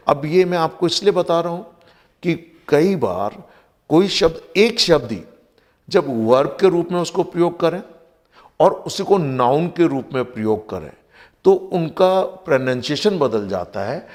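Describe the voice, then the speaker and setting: A man's voice: fairly high pitch, animated, unhurried, a little mellow. A man with an Indian accent teaching English vocabulary in Hindi, spelling words letter by letter and mixing in English terms. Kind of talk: recorded vocabulary lesson.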